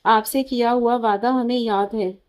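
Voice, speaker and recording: A woman's voice: fairly high pitch, steady tone, measured pace, darkish tone, clear, resonant tone, natural voice. A woman reading the lines of a proud, defiant young woman in a storybook tale, firm and taunting.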